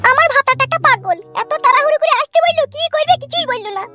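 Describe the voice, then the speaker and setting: A pushy young cartoon wife, voiced by a woman who pesters with question after question. She speaks. Her voice is very high and bright, and she talks very fast. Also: lively intonation, soft background music, full character voice. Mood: impatient.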